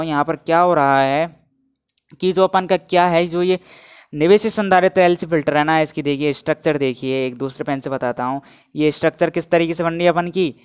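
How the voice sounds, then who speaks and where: A man's voice: fairly high pitch, smooth. A man teaching physics, constantly quizzing his students and urging them to comment. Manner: keeps asking students to answer and comment; energetic, repetitive teaching. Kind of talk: energetic online lecture. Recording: dull, muffled lo-fi audio.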